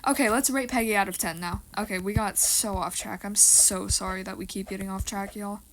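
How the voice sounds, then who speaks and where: A woman's voice: mid-range voice, fairly even intonation, fairly quick, a little hiss or hum, low-quality recording. Rambling teenage girl, casual chat. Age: teens. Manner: rambling, lots of fillers and restarts. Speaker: co-host of a rating video.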